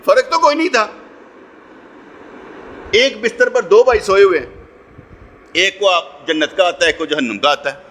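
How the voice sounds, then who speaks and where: Punjabi-accented preacher with a bright voice. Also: male voice, high voice, animated, pauses often, a little hiss or hum. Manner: storytelling, acts out voices, swings between loud and hushed. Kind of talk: Friday sermon.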